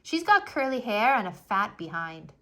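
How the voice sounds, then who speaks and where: A woman's voice: medium pitch, sing-song, normal speed, fairly bright tone. A woman voicing a teasing, bossy schoolgirl babysitter in a storybook read-aloud, with a sing-song, mocking way of talking.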